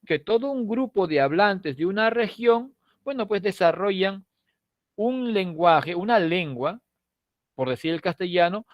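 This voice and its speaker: A man's voice: sits high, dry recording, highs cut off. A middle-aged man from Lima with a Peruvian accent, teaching a language class in a chatty, joking way and often ending lines with a questioning tag. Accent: Peruvian Spanish (Lima). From Lima, Peru. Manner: conversational, tags lines with "¿no?", jokes with students. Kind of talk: lecturing to a prep-course class.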